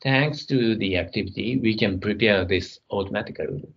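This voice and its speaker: A middle-aged man giving a technical conference keynote from his computer, speaking in a measured way as he talks through his slides. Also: on the low side, gravelly, breathy edge, muffled recording. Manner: measured, reading slides, some non-native grammar.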